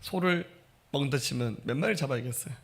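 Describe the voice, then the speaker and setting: A man preaching a sermon as pastor, telling the story with animated delivery and speaking straight to his congregation. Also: mid-range voice, fast talker, vocal fry. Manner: animated storytelling preaching, acting out quoted voices; addresses congregation directly.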